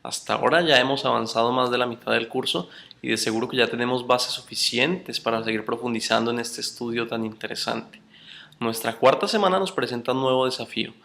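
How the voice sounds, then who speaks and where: A man gives a recorded lecture to his course students in a bright, forceful voice with a gravelly edge. He calls them brothers and explains each point slowly with spoken examples. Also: mid-range voice. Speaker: course instructor.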